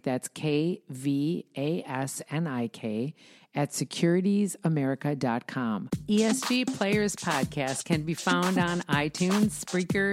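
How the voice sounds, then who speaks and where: A woman speaking as a podcast host, handling interview wrap-ups and announcements. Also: deep voice.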